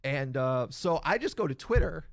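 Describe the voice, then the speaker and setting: A man's voice: fairly high pitch, expressive, moderate pace, vocal fry, no echo, clean studio sound. A man hosting a casual podcast chat, talking animatedly and laughing often. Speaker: radio podcast host.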